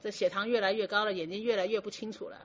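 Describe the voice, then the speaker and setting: In a dull, lo-fi recording, a woman speaks very fast with a medium pitch and a steady tone. She is teaching a Buddhist sermon and asks her listeners many rhetorical questions.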